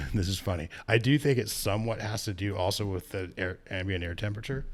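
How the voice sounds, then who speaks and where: A man with a low voice talks loosely and at length, backtracking and fixing his own numbers as he goes. He chuckles at his own stories in a relaxed, unscripted chat. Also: normal speed. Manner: rambling, self-correcting, laughs at own stories. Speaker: podcast co-host, bike shop staff. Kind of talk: casual chat.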